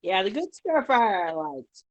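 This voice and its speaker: A woman's voice: mid-range voice, very animated, unhurried, highs cut off. A woman guest chatting casually, asking questions somewhat hesitantly. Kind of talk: casual podcast chat.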